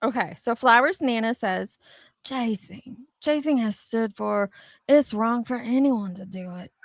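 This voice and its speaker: A woman co-hosts a casual chat, blunt and gossipy, swearing freely and reading comments out dramatically. Her voice is slightly high and a little slow, and the recording is dry.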